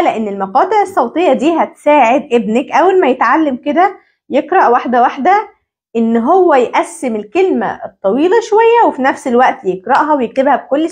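A woman with an Egyptian Arabic accent teaching parents English syllables, drilling words by repeating them slowly. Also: high-pitched. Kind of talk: English phonics lesson for parents.

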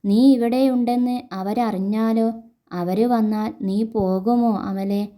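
A woman voicing a blunt, rough-spoken young man, a heavy drinker, who softens toward the girl in a spoken love story. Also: on the high side, steady tone, slow. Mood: gentle. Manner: blunt and rough, turning gentle.

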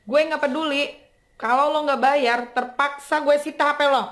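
A woman plays a young, bossy female debt collector in a comedy skit. Her voice is high and she talks in a scolding. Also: fairly even intonation, normal speed, a bit bright. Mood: annoyed, threatening. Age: young adult. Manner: scolding, demanding. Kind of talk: comedy skit acting, colloquial. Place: indoors, in a house.

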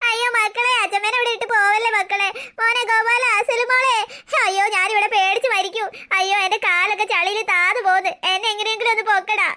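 A woman's voice: extremely high pitch, steady tone, fast talker, few pauses, pushed and bright. A woman voicing a whimpering old grandmother stuck in a pit, pleading in a cartoon. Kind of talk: cartoon voice acting.

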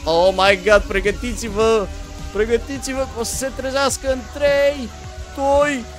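A young gaming YouTuber with an extremely high-pitched voice narrates gameplay excitedly, addressing viewers directly. He lurches from hushed murmurs to sudden yelps while game music plays behind him.

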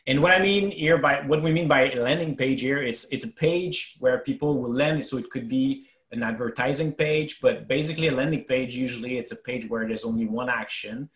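A man's voice: mid-range voice, fairly quick, few pauses, a bit bright, echoey room. French Canadian man explaining web tech. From Quebec, Canada. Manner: explanatory, many fillers. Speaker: web developer presenter. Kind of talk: webinar presentation.

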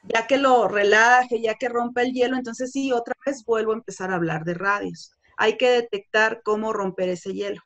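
A woman's voice: a little high, steady tone, normal speed, few pauses, a bit bright, muffled recording. Woman teaching a sales course. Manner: explanatory, uses fillers like "este" and "pues". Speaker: sales trainer. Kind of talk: course presentation on customer service.

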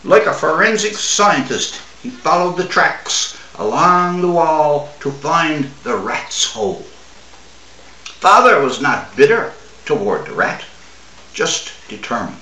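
An older man in his 60s or 70s from Newfoundland, Canada, reads his own short story aloud in a fairly high voice, measured and expressive, with dramatic pauses. He sits at a table in a small room at home or in an office. A camera a few feet away picks him up, so the sound is roomy and distant.

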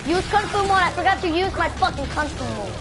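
A woman giving frustrated, swearing commentary while she plays a game, often yelling at her teammates. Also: very high voice, expressive, fast, background noise. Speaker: gamer. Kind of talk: live gameplay commentary. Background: loud game music.

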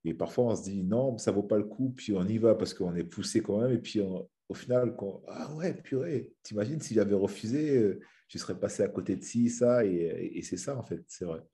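Podcast host guy, really deep mellow voice, laid back chat. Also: a little fast. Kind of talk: casual chat.

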